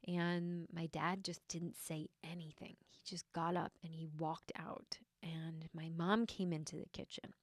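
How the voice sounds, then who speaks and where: Woman, young adult, podcast host, confessional storytelling, lowish voice, soft and hesitant, dry close sound. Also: little pitch movement, measured pace, few pauses, dry recording. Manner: soft-spoken and reflective, hesitant with frequent fillers. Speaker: podcast host and intuitive healer.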